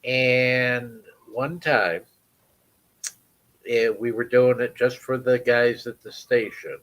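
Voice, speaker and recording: A man with a Maine accent in casual chat, telling an animated story and laughing, his voice leaping up when amused. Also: medium pitch, slow.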